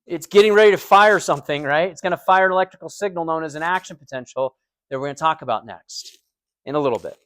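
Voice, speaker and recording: An American-accented man fast-talks through a recorded anatomy and physiology lecture, his voice on the high side and a bit bright, with no room sound. He keeps it conversational, offering everyday comparisons and checking in with students.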